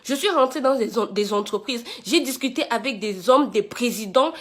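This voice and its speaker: A woman's voice: fairly high pitch, expressive, normal speed. A woman delivers an indignant, confrontational rant to viewers, speaking emphatically and hammering repeated phrases and rhetorical questions. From Africa.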